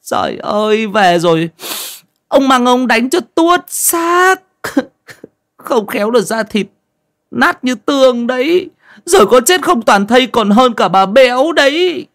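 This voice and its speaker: Man putting on a high timid young servant, stammering, whiny, storybook voice. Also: lively intonation, moderate pace. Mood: pleading. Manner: stammering, pleading. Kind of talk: storybook voice acting.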